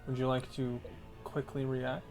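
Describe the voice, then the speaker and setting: A man's voice: mid-range voice, monotone, unhurried, a little mellow, faint music behind. A man acting as game master, narrating scenes and putting questions to players in a tabletop role-playing game.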